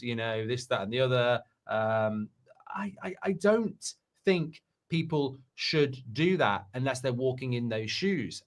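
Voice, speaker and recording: A man hosting a football talk stream, holding forth at an everyday middle pitch. He talks at length and in detail, often pausing on fillers and restarting his sentences. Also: a bit bright. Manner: talkative, hesitant with fillers and restarts. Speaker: football channel host. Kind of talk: casual football chat show.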